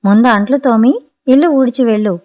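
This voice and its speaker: A woman's voice: fairly high pitch, brisk, mellow, lightly acted. A woman voicing an impatient housewife who scolds her maid curtly. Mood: scolding. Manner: scolding, curt. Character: sharp-tongued adult daughter, impatient woman.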